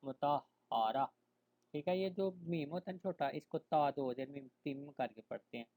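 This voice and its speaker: A man's voice: a little high, poor audio. Man teaching Quran reading. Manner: recites verses slowly and loudly, then explains in a soft conversational tone; mixes English words into his speech. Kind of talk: online Quran reading lesson.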